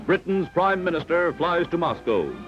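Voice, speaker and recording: A man's voice: a little high, big pitch swings, normal speed. A man narrating a 1940s newsreel in an old newsreel soundtrack, with a dramatic, emphatic announcer delivery. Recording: dull lo-fi film soundtrack with loud music. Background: loud music.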